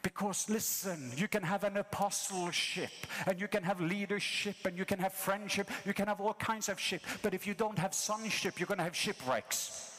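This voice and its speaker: A man's voice: high voice, steady tone, moderate pace, a bit bright, a little hiss or hum. A man who grew up in Norway, preaching an impassioned sermon to a congregation. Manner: impassioned, repetitive preaching cadence. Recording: long hall reverb.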